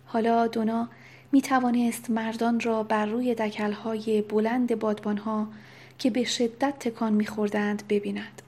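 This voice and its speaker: A woman narrating a novel in a soft, unvoiced whisper with steady, even reading. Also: on the high side. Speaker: audiobook narrator. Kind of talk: whispered storytelling.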